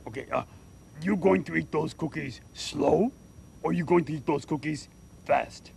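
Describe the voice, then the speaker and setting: A man voicing a greedy, sly monster who loves cookies, speaking in broken grammar with a gravelly voice. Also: on the high side, big pitch swings, normal speed, darkish tone, a little hiss or hum, heavily acted. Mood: wheedling. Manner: chuckling, wheedling.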